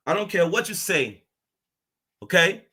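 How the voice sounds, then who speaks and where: A man's voice: high voice, expressive, unhurried, pushed and bright, breathy edge. A man delivering an angry, profane monologue to his audience, confrontational and repeating his phrases for emphasis. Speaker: channel host.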